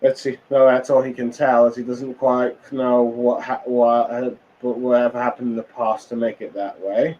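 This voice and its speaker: A man's voice: medium pitch, level tone, moderate pace, few pauses, dull audio. A tired man casually recapping a comic chapter, rambling with many fillers and restarts. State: tired, yawning. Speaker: manga reviewer.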